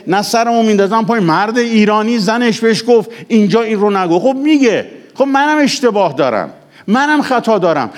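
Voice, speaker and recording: A middle-aged man delivers a sermon from the pulpit, his voice sitting a little high for a man. His pitch rises and falls widely as he moves between raised, urgent appeals and quiet, confiding asides. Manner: passionate, swings between raised exhortation and hushed intimate tones. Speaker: pastor.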